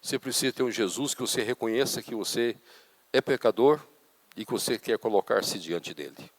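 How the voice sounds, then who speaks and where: A man preaching a sermon with a Brazilian Portuguese accent, a pastor who tells stories dramatically and turns loud and high when acting out scenes. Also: normal speed, no echo.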